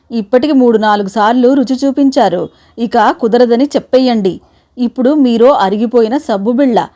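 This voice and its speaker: A woman voicing a fretful, sharp-tongued older wife, sarcastic and anxious, in a read-aloud story. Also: fairly high pitch, voice pushed up, close to an everyday voice.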